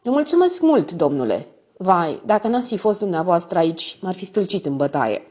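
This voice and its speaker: A woman's voice: on the low side, big pitch swings, darkish tone, slightly rough, dull audio. A woman voicing a frightened young female street singer, pleading and breathless.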